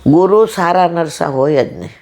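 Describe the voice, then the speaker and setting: A woman's voice: on the low side, lively intonation, moderate pace, mellow. A woman in her sixties giving a devotional talk at a satsang, telling a story and acting out each person's lines. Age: 60s. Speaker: satsang speaker.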